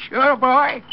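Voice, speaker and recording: A folksy old American night watchman in a radio play, slow and high-voiced, chuckling as he talks. The vintage recording is muffled and noisy. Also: heavily acted. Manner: chuckling, folksy, drawn-out talk. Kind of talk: 1940s-50s radio drama acting.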